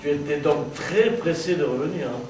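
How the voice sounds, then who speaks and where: A man's voice: fairly high pitch, moderate pace, distant mic, noisy background, natural voice. A man acting on a theatre stage, playing an old friend who needles a returning companion. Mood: teasing. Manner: needling, teasing. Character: teasing old male friend, wistful. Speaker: stage actor. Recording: echoey stage recorded from afar.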